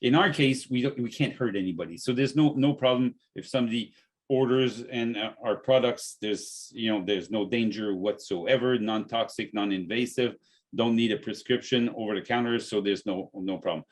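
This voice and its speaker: A man with a lowish voice, speaking at normal speed, hosts a casual health podcast and often halts to repeat words mid-sentence. He's the host and owns a natural health business.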